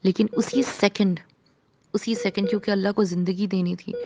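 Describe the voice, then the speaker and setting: A woman's voice: mid-range voice, steady tone, background noise. A woman vlogger telling a personal story in earnest, hesitant Urdu that slips into English. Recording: dull lo-fi recording.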